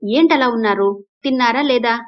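A woman's voice: on the high side, moderate pace, voice pushed up, natural voice. A woman doing a caring young granddaughter. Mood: concerned. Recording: dull lo-fi recording.

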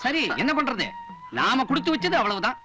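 An older father, hurt yet resigned, whose voice sits very high and swings widely. His tone is bright and carries a sighing sadness, with faint music running under the scene. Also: sing-song, brisk. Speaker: father of the household. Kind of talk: 1980s film acting.

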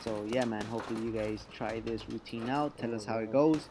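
A man's voice: medium pitch, brisk, background noise. Male workout-channel host, mid-range voice, casual and explanatory instructional narration for viewers. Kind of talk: instructional voice-over for a workout video.

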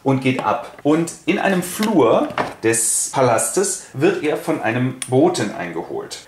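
A man casually retelling a classic play, chatty and colloquial, quickly acting out each figure. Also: medium pitch, sing-song. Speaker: host. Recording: echoey room, faint hiss.

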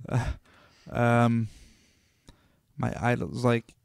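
Gravelly guy chatting on a podcast, hesitant, lots of ums, dry mic. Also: mid-range voice, steady tone, very slow, a little mellow, no room sound. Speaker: podcast co-host. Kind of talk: casual chat. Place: small room around a table. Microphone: desk mic on a boom.

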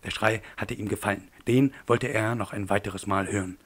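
A man reading a thriller audiobook in a measured, tense storytelling manner. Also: fairly low pitch, steady tone, fairly bright tone. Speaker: audiobook narrator. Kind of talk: scripted audiobook narration.

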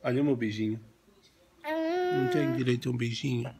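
A man's voice: mid-range voice, huge pitch swings, a little fast, gravelly. A man from Portugal with a European Portuguese accent, filming a casual home vlog on his phone in a bedroom and coaxing his toddler in teasing baby talk. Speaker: family vlogger and father. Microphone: handheld phone camera. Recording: noisy phone recording.

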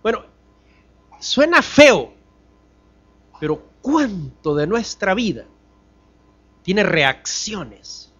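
A pastor preaching a sermon, asking the congregation rhetorical questions and swinging between loud emphasis and soft, low drops. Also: male voice, muffled recording. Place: church.

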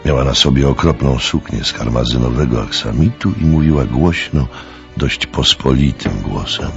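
In an extremely low, gravelly voice with lively intonation, a man narrates a suspense story at normal speed. Faint music plays behind him, and the audio sounds dull.

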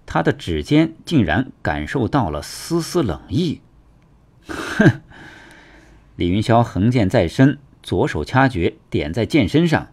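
A man narrating a web novel audiobook with dramatic, expressive storytelling. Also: mid-range voice.

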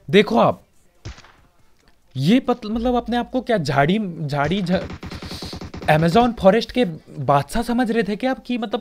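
A young man with a Hindi accent giving casual, joking commentary over his own game footage. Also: high voice. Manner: chatty, joking, colloquial filler-heavy. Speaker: gaming commentator.

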